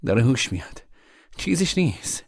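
A steady, protective young man, as a male reader voices him, in a storybook reading. He talks plainly and reassuringly, slightly above the reader's own low voice, in a dry, close sound. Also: breathy edge, no room sound.

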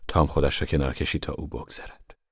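A man giving measured, solemn scripted narration of a novel for a radio drama. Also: a bass voice, flat delivery, slightly rough, no room sound, clean studio sound.

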